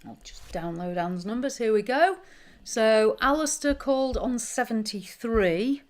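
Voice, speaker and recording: A woman's voice: a little high, expressive, unhurried. A woman chatting casually as co-host of a live online bingo game, checking on players. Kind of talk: casual live-stream chat.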